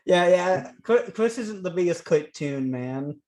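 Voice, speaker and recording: A man's voice: high-pitched, expressive, a little slow, darkish tone. Young man with dry, teasing banter. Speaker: podcast co-host. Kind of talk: casual chat.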